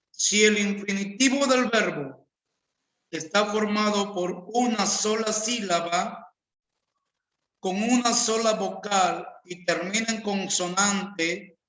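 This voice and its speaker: A man with as his teaches a grammar lesson, drawing out each word and repeating examples. His voice sits high and sounds bright. He speaks very slowly in a roomy, echoing space. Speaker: English teacher. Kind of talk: slow classroom grammar lesson.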